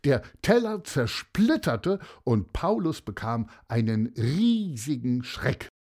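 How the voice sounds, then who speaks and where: Husky, expressive male storyteller. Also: mid-range voice, takes it slowly. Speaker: narrator. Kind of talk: children's story narration.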